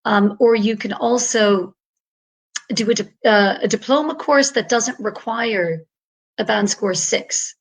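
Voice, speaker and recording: An Irish woman who tutors English chats on a video call during an online panel, sounding upbeat and using plenty of fillers. Her mid-range voice is slow and gravelly, and the audio quality is poor.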